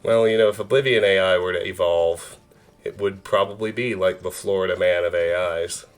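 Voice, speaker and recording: A man in his thirties chats through a live game stream in a relaxed, joking way, often trailing off mid-thought. His voice sits on the low side. Soft music plays behind him. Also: normal speed. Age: 30s. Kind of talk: casual live-stream chat.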